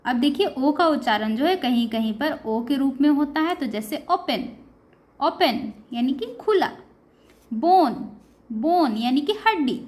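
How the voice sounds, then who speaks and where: High-voiced woman teaching pronunciation slowly. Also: lively intonation. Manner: slow, drawn-out word-by-word explanation; addresses viewers as her dear children. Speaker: English teacher. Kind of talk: beginner English pronunciation lesson.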